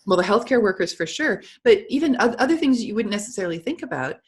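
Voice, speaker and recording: A middle-aged woman co-hosting a casual video-call chat, agreeable and quick to laugh. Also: mid-range voice, big pitch swings. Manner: chatty, agreeable, laughs often. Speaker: co-host of essential oils show.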